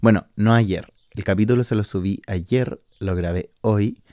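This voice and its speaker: A man in his twenties with a Chilean Spanish accent hosts a podcast from his home in the countryside, rambling in a casual monologue full of slang, swearing, and fillers. His mellow voice is fairly low and measured, captured as a dry, studio-quality recording.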